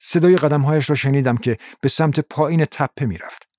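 A man narrating a crime novel as an audiobook in a steady, measured reading. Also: fairly high pitch, no room sound, studio quality.

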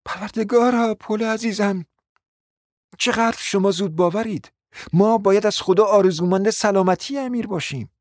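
A woman acting a cunning, flattering mother in a radio play, coaxing and often dropping to a whisper. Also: mid-range voice, dry recording, studio quality, natural voice. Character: cunning, flattering provincial mother, persuasive and scheming. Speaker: scheming mother.

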